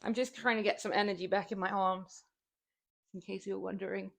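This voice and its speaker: A gravelly, mid-range female voice with a steady tone, talking a little fast. She's a young fitness streamer from southern England with a southern English accent, rambling casually to her viewers between laughs while lifting weights.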